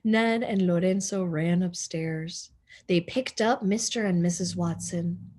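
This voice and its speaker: Narrating expressively, a teacher reads a children's storybook to her listeners. She has a fairly low pitch and takes her time, reading at an unhurried pace.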